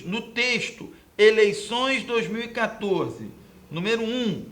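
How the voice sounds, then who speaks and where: High-voiced Brazilian man teaching Portuguese. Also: fairly bright tone. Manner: explanatory, checks in with frequent "ok?"; points at the board. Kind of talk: exam question walkthrough lesson.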